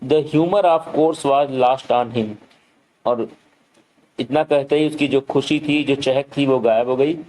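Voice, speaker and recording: A man's voice: medium pitch, darkish tone, low-quality recording. A man teaching a school English lesson, reading each line of the text and explaining it in Hindi. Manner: reads English lines slowly, then explains them in Hindi.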